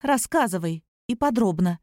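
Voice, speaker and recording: A woman's voice: medium pitch, animated, normal speed, a little mellow, dry recording, clean studio sound, natural voice. A woman voicing a curious, stubborn young heroine in an audiobook, asking insistent questions.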